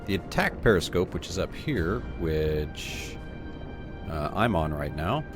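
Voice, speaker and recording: A man's voice: low-pitched, sing-song, slow pace. A man giving a casual, easygoing let's play commentary, thinking aloud and sometimes reading game tips. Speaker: gamer playing and commentating. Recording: loud game music behind voice.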